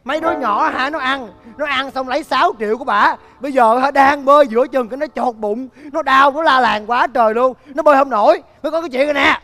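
Excitable young local, very high voice, rambling and scolding. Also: male voice, quick pace, hardly any pauses. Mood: indignant. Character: excitable young local man, rescued from a storm. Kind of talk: TV comedy skit.

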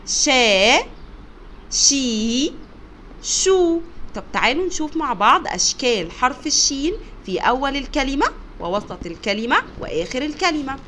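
A woman's voice: high voice, sing-song, a little hiss or hum. Encouraging Egyptian woman teaching children. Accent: Egyptian Arabic. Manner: encouraging, stretches sounds slowly and loudly for children. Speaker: kindergarten teacher. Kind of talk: teaching letters to young children.

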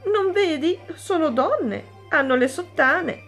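A woman's voice: extremely high pitch, animated, slow pace, a bit bright, faint music behind, voice pushed up, heavily acted. A woman voicing a vain, pompous prince who squeals and gets irritated easily, in a children's story reading. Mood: excited. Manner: squealing, self-important.

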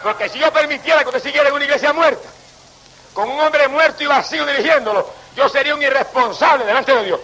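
Older man, puerto rican accent, preaching hard, real high pitched, sharp tone, faint hiss behind. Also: fast talker, rough recording. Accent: Puerto Rican Spanish. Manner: impassioned, pleading, shouting out praises. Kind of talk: fiery revival sermon.

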